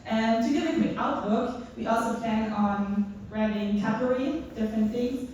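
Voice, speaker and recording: A woman's voice: on the high side, moderate pace, a little mellow, lo-fi sound. A woman presenting her team's project in a hackathon demo. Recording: echoey hall from far off, faint noise.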